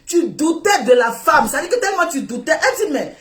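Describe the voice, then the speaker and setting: Woman scolding some guy in a heated rant, keeps repeating herself, shouts now and then, roomy echo. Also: sits high, animated, brisk. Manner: scolding, repetitive, bursts of shouting. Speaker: online commentator. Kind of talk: heated rant commentary addressed to a man.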